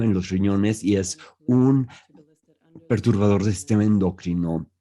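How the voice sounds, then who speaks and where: Mellow-voiced male interpreter, halting delivery. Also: lowish voice. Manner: halting, with restarts and fillers. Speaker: simultaneous interpreter. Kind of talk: live interpretation at an online press conference.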